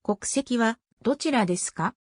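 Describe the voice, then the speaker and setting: A woman reading short travel phrases in a crisp, even scripted delivery. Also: a little high, fast talker, no echo, clean studio sound. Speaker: phrase reader.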